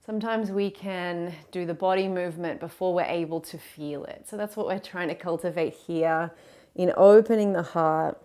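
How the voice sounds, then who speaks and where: A woman with a slightly low voice talks a class through a yoga practice. Her cues are gentle and encouraging, and she paces them around the breath without hurrying. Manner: gentle, encouraging, unhurried cueing of breath and movement. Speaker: yoga teacher. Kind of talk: guided yoga class instruction.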